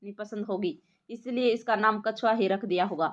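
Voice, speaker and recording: A woman's voice: mid-range voice, fairly even intonation, moderate pace, close to an everyday voice. A woman voicing a teasing male police sidekick. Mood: mocking. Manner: teasing, mocking. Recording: lo-fi muffled recording.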